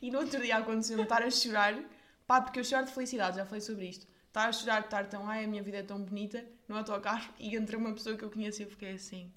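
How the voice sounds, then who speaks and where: Quick-talking Portuguese woman, slightly high. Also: fairly even intonation, sharp tone. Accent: European Portuguese. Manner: quick, teasing, laughs easily. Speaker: podcast co-host. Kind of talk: casual chat.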